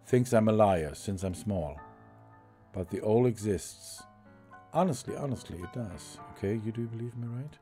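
A man's voice: fairly low pitch, animated, normal speed, mellow, soft background music, lightly acted. Man reading as a scared little sister. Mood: scared, pleading. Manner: anxious, pleading read-aloud lines. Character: young girl, worried little sister.

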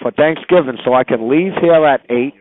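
A man's voice: fairly high pitch, normal speed, dry recording, phone-quality sound. A man in his forties rambling crudely on a phone chat line, breaking into singsong noises. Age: 40s.

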